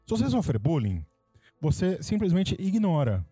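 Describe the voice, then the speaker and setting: Man with São Paulo accent, lively swooping pitch, very dark tone, playful storyteller, faint music behind. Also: a little slow, slightly rough, dry recording. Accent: Brazilian Portuguese, São Paulo. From São Paulo, Brazil. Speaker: podcast co-host. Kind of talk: casual chat about history trivia.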